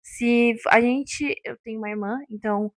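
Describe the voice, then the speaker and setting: Chatty woman, rather high voice. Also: steady tone, normal speed, dry recording. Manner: chatty, checks in with listeners often. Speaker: vlogger. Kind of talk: unscripted casual vlog talk.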